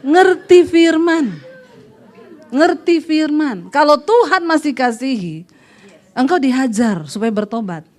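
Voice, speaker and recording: A middle-aged woman pastor delivers a sermon in a high, bright voice. She tells her stories with lively, animated energy and acts out the people in them.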